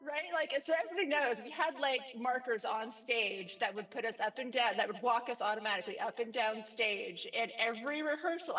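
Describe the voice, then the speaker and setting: A woman's voice: fairly high pitch, fairly bright tone, far from the mic. A woman co-hosting a casual live stream, bubbly and giggly as she tells stories. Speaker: stream co-host.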